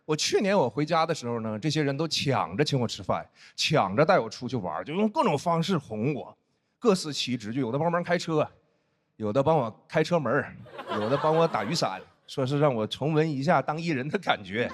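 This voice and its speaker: A man performing a stand-up comedy set on stage, animated and acting out other people's voices. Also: medium pitch, a little fast. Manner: animated, acts out friends' teasing voices. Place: stage before a live audience. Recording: noisy live show audio. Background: audience laughter.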